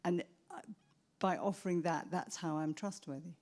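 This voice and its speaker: A woman psychotherapist answering an audience question, reflective and measured, often restarting her sentences. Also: lowish voice, darkish tone. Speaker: psychotherapist speaker. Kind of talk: Q&A answer at a professional event.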